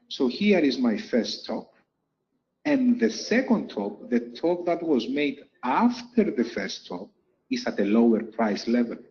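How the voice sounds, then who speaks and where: A man's voice: on the high side, dull audio. A man teaching a lesson over chart slides, explaining step by step and repeating key points for emphasis. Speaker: trading instructor.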